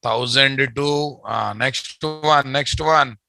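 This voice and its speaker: A man with a Telugu Indian accent teaches programming in a bright, forceful voice. He goes slowly and repeats his phrases, often addressing the class informally. The sound is close and dry. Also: medium pitch, vocal fry, dry recording, soft background music. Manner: informal, repetitive, addressing students as guys and boss. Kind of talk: live lecture with repeated phrases.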